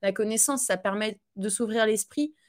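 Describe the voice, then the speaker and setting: A woman guest on a podcast, talking casually about her life in a halting way full of fillers and restarts, and laughing easily. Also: medium pitch. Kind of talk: casual conversational interview.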